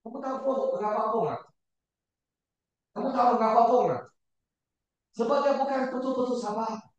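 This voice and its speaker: A man preaching a sermon to a congregation, repeating words and shouting for emphasis, often putting questions to his listeners. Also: very high-pitched, moderate pace, highs cut off. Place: church hall. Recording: very echoey church hall, far from the mic.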